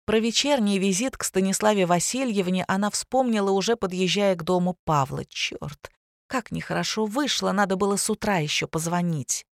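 A woman narrates a novel in an even, measured way. Her voice sits at a middle pitch. The recording is dry and close, with no room echo. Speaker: audiobook narrator. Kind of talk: scripted narration.

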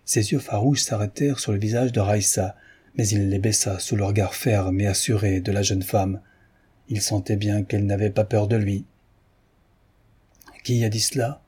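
A man narrating a novel as an audiobook in a measured literary reading. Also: fairly low pitch, steady tone, warm tone, slightly rough. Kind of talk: scripted narration.

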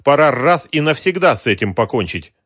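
A man voicing an energetic, quick-tempered market boss around thirty who talks curtly. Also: medium pitch, no echo, clean studio sound, voice pushed up. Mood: angry, brisk. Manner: energetic, curt, cursing. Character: brisk, angry male boss around thirty.

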